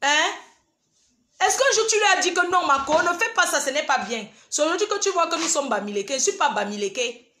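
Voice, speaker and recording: A woman's voice: high-pitched, lively intonation, brisk, sharp tone, echoey room. A woman, ranting on a livestream and scolding her rivals directly. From Cameroon. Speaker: livestream host. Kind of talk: heated livestream rant.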